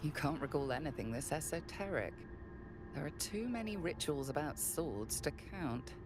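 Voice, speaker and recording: An actress voicing a calm, all-knowing storyteller who narrates a game in measured second-person prose. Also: female voice, deep voice, faint music behind. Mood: solemn.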